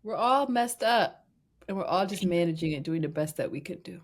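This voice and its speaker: On a casual podcast recorded over a remote call, a woman in her thirties talks frankly as co-host, laughing a lot and making fun of herself. She has a fairly low, expressive voice and speaks at normal speed.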